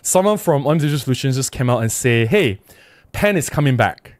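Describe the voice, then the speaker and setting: A middle-aged Malaysian-accented man runs a casual livestream from a desk in a small indoor room, speaking into a close desk mic fitted with a windscreen. His medium-pitched voice is expressive and brisk, recorded dry with no room sound. He chats conversationally and with emphasis, reading viewer comments aloud and replying to them.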